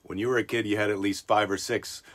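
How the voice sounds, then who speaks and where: A man's voice: fairly low pitch, steady tone, fast, a bit bright. A middle-aged man hosting a daily live stream, telling a rambling story with chuckles and self-corrections. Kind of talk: casual rambling monologue.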